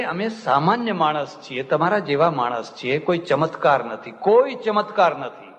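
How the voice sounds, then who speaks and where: A man's voice: on the high side, fairly bright tone. An older man, a swami, giving a religious discourse full of anecdotes and acting out the people he quotes with humor. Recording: long hall reverb, dull lo-fi sound.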